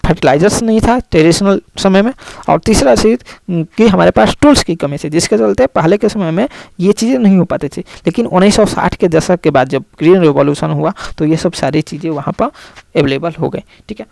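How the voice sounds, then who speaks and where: A man's voice: sits high, a little fast, gravelly, darkish tone, dry recording. A man teaching a lesson, explaining step by step and repeating key terms with many fillers. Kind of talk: classroom lecture.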